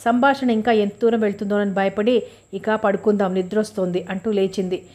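Woman, audiobook narrator, steady reading of a novel, mid-pitched voice. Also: fairly quick.

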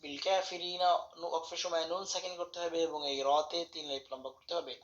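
A man teaches Quran recitation in a bright, fairly high voice. He spells out each letter and vowel mark, then draws the verse out slowly, contrasting right and wrong sounds. The recording is dull and lo-fi. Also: steady tone, roomy sound. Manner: corrects wrong pronunciations by contrast. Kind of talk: tajweed lesson, spelling and reciting.

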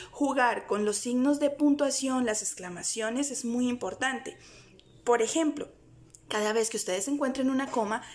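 A young woman, a literature teacher, giving earnest reading-aloud tips straight to her viewers. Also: a little high. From Colombia. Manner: earnest, encouraging, addresses viewers directly. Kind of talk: direct-to-camera instructional talk.

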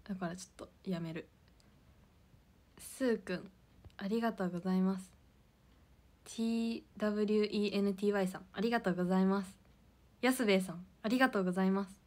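A woman's voice: medium pitch, fast, pauses often, a little mellow. A young woman hosting a casual idol livestream, giggly and chatty as she reads out viewer comments.

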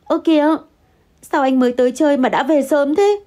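A woman's voice: high-pitched, moderate pace, warm tone, pitched above the performer's own voice, close to an everyday voice. A woman voicing an anxious young wife who pleads and apologizes in an audio story. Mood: pleading.

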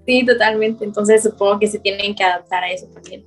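A woman's voice: medium pitch, a little fast, faint music behind. A woman from Mexico with a Mexican Spanish accent, a scientist chatting as a podcast guest and telling her stories with a lot of animation. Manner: animated storytelling, acting out quoted dialogue, laughing often. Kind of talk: casual podcast conversation.

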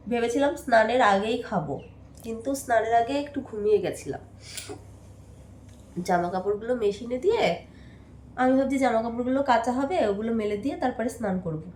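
A young woman with a Bengali accent chatting casually in a home vlog, worn out and coughing, her voice going hoarse. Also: on the high side, a little mellow, reverberant, a little hiss or hum. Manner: chatty, rambling, tired. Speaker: vlogger. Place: at home, indoors.

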